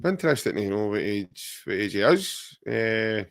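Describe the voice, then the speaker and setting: A man's voice: lowish voice, big pitch swings, moderate pace, smooth. Chatty Scottish man in his forties. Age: 40s. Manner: chatty, jokey, reads out viewer comments. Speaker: podcast co-host. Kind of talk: casual chat.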